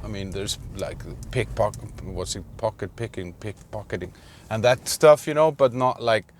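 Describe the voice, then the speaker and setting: A man's voice: fairly low pitch, moderate pace, slight background noise. A man from Iceland talking casually in a vlog, rambling with many fillers and restarts, sitting in a car. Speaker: vlogger.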